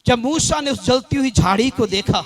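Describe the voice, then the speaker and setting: A male pastor preaching a sermon. He asks his congregation questions, repeats the answers, and often raises his voice to a shout. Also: very high-pitched, normal speed. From Pakistan.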